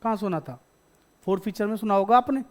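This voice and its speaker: A man's voice: high voice, fairly quick. A man teaching a class, who keeps asking his students questions, answers them himself, and calls them "beta". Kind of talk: classroom lecture.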